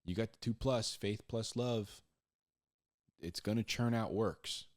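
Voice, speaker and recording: A man teaches the Bible in a relaxed, slangy, conversational way, repeating words for emphasis and acting out imagined back-and-forth dialogues. His voice is fairly low and a bit slow.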